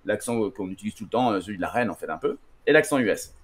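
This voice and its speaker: A man's voice: lowish voice, animated, very fast. A French-speaking man explaining English pronunciation in a casual studio chat, hesitant with many restarts. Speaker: English language guest explaining accents. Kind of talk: casual radio-style explanation.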